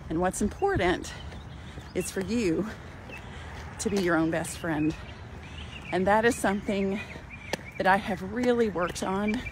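An older woman who runs a cooking channel talks unhurriedly at medium pitch, leaving long pauses, while walking through a parking lot. Warm and chatty, she encourages her viewers and films on a phone held at arm's length, with clear background noise outdoors.

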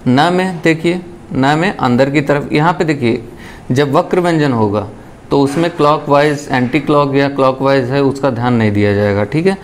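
A man's voice: medium pitch, moderate pace, slight background noise. A man teaching a shorthand lesson. He explains step by step, patiently, and keeps checking in with the listener.

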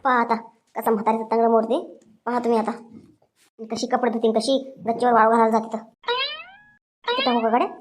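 A woman's voice: a little high, fairly quick, long pauses, background noise, lightly acted. A woman voicing a scheming young woman in a cartoon story, muttering sly plans to herself. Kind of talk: Marathi cartoon story dubbing.

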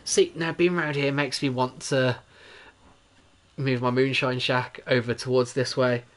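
A man's voice: medium pitch, little pitch movement, unhurried. A young adult man giving casual, rambling gameplay commentary as a streamer, chatty and self-amused.

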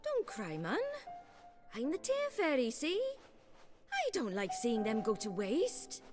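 A woman's voice: a little high, huge pitch swings, slow, heavily acted. Tear fairy, motherly. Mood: teasing. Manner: soothing, coaxing. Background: game music.

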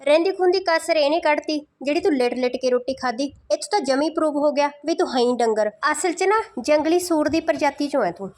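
Fast, high-voiced scolding woman. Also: darkish tone. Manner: scolding, insulting, sarcastic. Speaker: roast commentator. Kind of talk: mocking roast commentary.

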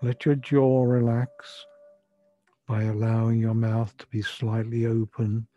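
An older man with a soft, breathy voice gently guiding a breathing and relaxation meditation in soothing, measured instructions. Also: medium pitch, little pitch movement. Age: 60s or older. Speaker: relaxation therapy guide. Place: furnished room at home. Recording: dull lo-fi sound, music behind. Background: music.

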